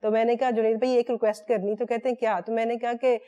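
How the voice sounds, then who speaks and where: A woman's voice: a little high, level tone, warm tone, lo-fi sound. A woman from Pakistan, a guest speaking earnestly and devoutly about her husband on a talk show. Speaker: guest, wife of the former cricketer. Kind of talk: heartfelt talk-show chat.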